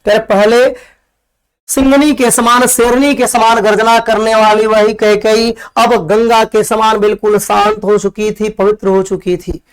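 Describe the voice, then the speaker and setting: A man's voice: high-pitched, little pitch movement, unhurried, smooth. A male teacher giving a classroom lecture on a poem, repeating phrases and explaining each word with simple meanings.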